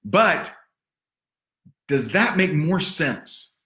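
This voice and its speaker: A man giving a livestream sales training, punchy, energetic and sarcastic. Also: on the high side, very slow, echoey room.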